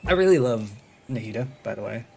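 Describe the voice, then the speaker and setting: This streamer's voice is mid-range, creaky and animated, and he talks fairly quickly while chatting loosely about his game. The background is noisy, with game music running under his voice.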